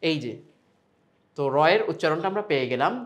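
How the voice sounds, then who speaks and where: A man's voice: a little high, expressive, fairly quick. A man with a Bangladeshi Bengali accent teaching Quran pronunciation step by step, stretching out sample sounds between explanations.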